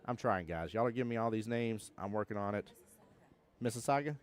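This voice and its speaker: A man's voice: lowish voice, lively intonation, brisk. A young man from Georgia with a Southern accent, commentating a pool tournament on a live stream and chatting with viewers in a joking, laid-back way. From Georgia, USA. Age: young adult.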